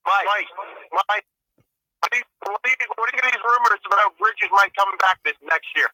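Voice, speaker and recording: A man's voice: sits high, fairly quick, sharp tone, dry recording, rough recording. A man co-hosting a sports podcast, blunt and needling in casual chat. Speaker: podcast co-host.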